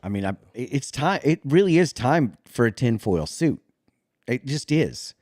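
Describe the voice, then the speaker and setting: A man co-hosting a casual talk show, delivering sarcastic jokes with a straight, deadpan tone. His voice sits at an ordinary middle pitch. It is recorded close and dry, with almost no room sound. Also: moderate pace, no echo. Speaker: podcast co-host. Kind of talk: casual panel chat.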